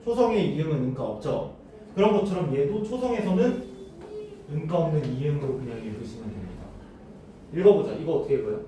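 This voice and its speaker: A man lectures a classroom, quizzing his students and answering his own questions in a lively, mellow voice that rises and falls. He sounds some distance from the mic, and the room around him echoes heavily. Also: fairly high pitch, a little fast, a little hiss or hum. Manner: asks students questions and answers them himself. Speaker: teacher.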